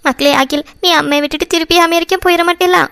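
A woman voices a fretful cartoon mother, high-pitched and quick. She frets and pleads over her son's marriage, always pressing. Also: steady tone, a bit bright, no room sound, studio quality. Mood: pleading. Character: middle-aged mother, anxious and emotional.

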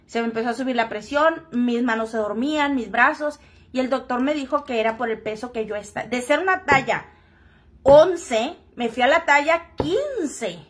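High-voiced joking woman. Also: moderate pace. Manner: joking, frank and crude-spoken. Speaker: vlogger. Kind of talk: casual storytelling to camera.

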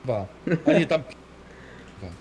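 A man's voice: medium pitch, sing-song, extremely slow, warm tone, a little hiss or hum. A man streaming a video game live, cursing constantly as he banters with chat and his teammate. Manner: crude, swears constantly, banters and mocks. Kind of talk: live gaming commentary.

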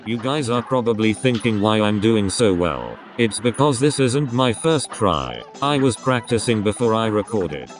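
Low male text-to-speech voice. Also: expressive, normal speed, few pauses. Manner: evenly paced machine reading of casual gaming banter. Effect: text-to-speech synthetic voice. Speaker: gaming channel host. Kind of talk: let's play commentary. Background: video game music.

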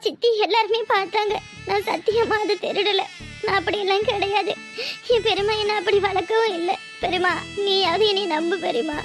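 A woman's voice: very high voice, creaky. A woman voicing a meek young bride-to-be in a cartoon, crying and pleading to be believed.

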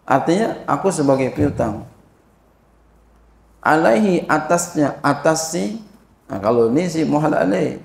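Slow gravelly man teaching. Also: animated. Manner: slow and repetitive, frequent "ya" and "paham?" checks, chants Arabic phrases higher. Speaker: Islamic teacher explaining a classical fiqh text. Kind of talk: informal religious lesson, reading Arabic text and explaining it. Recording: echoey room.

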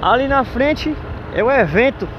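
Riding a motorcycle through the city, this northeastern Brazilian motovlogger chats cheerfully and cracks jokes. His voice is very high and animated, and he keeps a moderate pace. Faint traffic sounds come through the dull, lo-fi audio.

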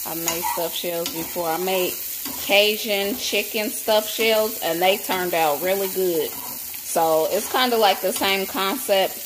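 A woman's voice: medium pitch, slow, background noise. A woman, chatting casually to viewers while she cooks in her home kitchen, filmed on a phone held close. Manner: relaxed, chatty, talks to viewers as y'all. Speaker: home cook vlogger. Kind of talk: casual cook-with-me chat. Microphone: phone camera held close.

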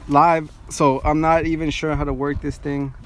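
A man live-streaming a vlog from an outdoor car auction, chatting excitedly with viewers and thanking them over and over. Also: a little high, normal speed, slight background noise. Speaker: vlogger.

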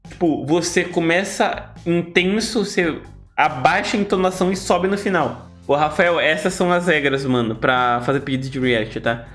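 A man's voice: on the high side, fairly bright tone. A young Brazilian man hosting a react video, chatting casually and enthusiastically, rambling with frequent restarts. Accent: Brazilian Portuguese. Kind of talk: casual chat.

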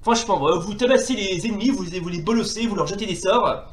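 Excitable high-voiced man playing a retro game. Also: quick pace, roomy sound. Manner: excitable, scolds enemies out loud, stammers and restarts. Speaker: retro gaming YouTuber. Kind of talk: let's play commentary.

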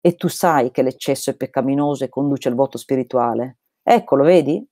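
A woman's voice: very deep voice, brisk, dark tone, no echo, clean studio sound. A woman reading aloud the lines of an eccentric, vehement male holy fool, in an emphatic read-aloud delivery. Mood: insistent, then taunting.

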